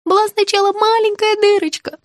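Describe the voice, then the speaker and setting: A woman voicing a whimpering, squeaky heroine. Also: little pitch movement, fairly quick, dry recording, clean studio sound. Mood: moaning.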